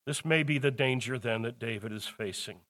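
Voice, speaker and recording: A man's voice: medium pitch, moderate pace, fairly bright tone. A man teaching a Bible study lecture, explaining a psalm and retelling its story with quoted voices.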